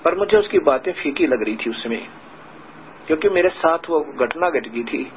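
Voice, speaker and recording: A man's voice: fairly high pitch, lively intonation, normal speed. A man telling his own story in a devotional talk, acting out conversations as he goes and humbly calling himself "this servant". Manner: storytelling with quoted dialogue, humble self-reference. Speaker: devotee telling a personal testimony. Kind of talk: spoken testimony in a devotional talk. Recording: dull lo-fi recording with faint hiss.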